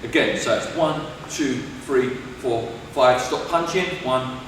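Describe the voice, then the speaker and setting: A man's voice: mid-range voice, takes it slowly, fairly bright tone, a little hiss or hum. A young man coaching boxing, explaining and demonstrating moves while counting through the drills. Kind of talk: instructional coaching demo. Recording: roomy hall echo from far off.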